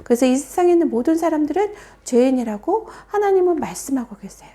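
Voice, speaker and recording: A woman preaching a children's sermon as a story, animated, with soft whispered emphasis. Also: sits high, quick pace. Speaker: children's Sunday school preacher.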